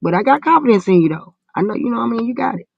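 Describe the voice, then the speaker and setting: A woman's voice: fairly high pitch, animated, very fast, gravelly, dry recording. A woman in her forties from the American South with a Southern drawl, chatting casually in a slangy, profane, teasing way. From Southern United States. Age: 40s. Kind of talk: casual group voice chat. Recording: muffled, band-limited voice call.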